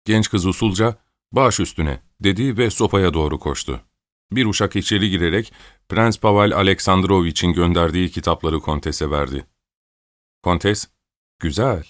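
A man narrating an audiobook in a steady, measured storytelling manner. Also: deep voice, dry recording, studio quality. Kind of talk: audiobook reading.

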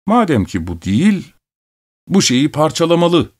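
A man's voice: a little high, very animated, a little slow, a little mellow, voice pushed up. A man voicing a poor, stubborn peasant who speaks earnestly and insistently in a storybook reading.

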